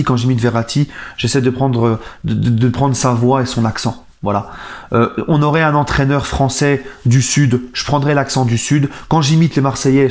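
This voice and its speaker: Thirties male vlogger, grieving and low-key, rants indignantly at times, mid pitch. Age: 30s. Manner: subdued and sad, then indignant ranting. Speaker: football fan channel host. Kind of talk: casual vlog monologue.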